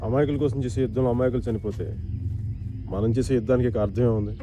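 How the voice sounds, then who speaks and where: An actor playing a young rebel fighter in a film drama, argumentative and teasing, with dry quips. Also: male voice, medium pitch, steady tone, quick pace, noisy background, lightly acted. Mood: earnest.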